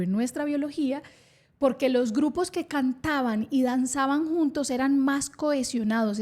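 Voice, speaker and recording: A woman's voice: high-pitched, darkish tone. A woman hosting a science podcast, explaining with enthusiasm and an occasional laugh. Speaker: podcast host.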